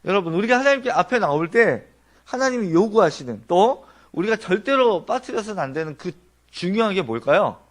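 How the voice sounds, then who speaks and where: A male pastor preaching a Sunday sermon in a church sanctuary. His pitch rises and falls widely, and his voice sits a bit higher than most men's. He talks to the congregation in a conversational way, laying out his points in order and putting questions to them. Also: big pitch swings, fairly quick. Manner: asks the congregation rhetorical questions; explains points one by one in an earnest, conversational tone.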